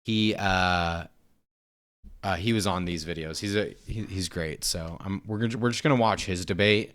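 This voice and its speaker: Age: adult. Sex: man. Style: animated, lowish, clear-voiced reaction commentary. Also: moderate pace. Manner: animated, mocks opponents in put-on voices. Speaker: political commentary host.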